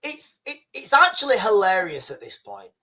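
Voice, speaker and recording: A Yorkshire man's high-pitched voice swings hugely in pitch as he reads viewer comments during a casual livestream, pushed and bright at a moderate pace. The recording is rough. He rambles, repeats and restarts phrases, and often calls his audience "guys."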